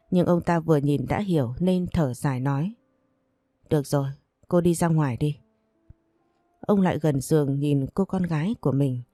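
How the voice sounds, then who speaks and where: A woman narrating a romance novel audiobook in a steady, even storytelling manner. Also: deep voice, no room sound, clean studio sound.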